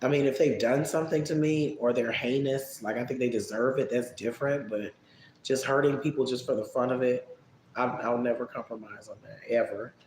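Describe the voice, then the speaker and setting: A man casually answering viewer questions on a live stream, relaxed and chatty, musing aloud as he thinks. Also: mid-range voice, a little fast. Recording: echoey room with faint background noise.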